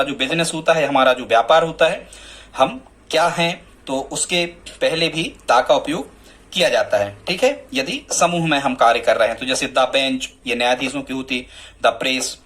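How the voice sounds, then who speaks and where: Male grammar teacher with a higher-pitched voice, talks to his students, poses questions and answers them himself, reads examples slowly. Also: fairly bright tone. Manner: addresses students often, asks and answers own questions; reads English example sentences slowly and carefully. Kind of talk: classroom grammar lesson.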